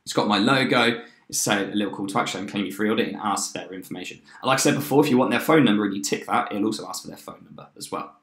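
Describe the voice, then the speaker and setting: Guy in his 30s doing a casual screen share demo, kinda low voice, upbeat, lots of ums, roomy sound. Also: a bit bright. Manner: upbeat, chatty, with fillers and quick restarts. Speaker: software demo presenter. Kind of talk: screen-share product walkthrough. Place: indoor room, webcam in corner of screen share. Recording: roomy echo.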